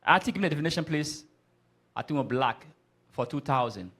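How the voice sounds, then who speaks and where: A man's voice: fairly high pitch, animated, brisk, fairly bright tone. A man leading a scripture class, speaking emphatically and often stopping to prompt the reader. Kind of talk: street-corner style Bible class teaching.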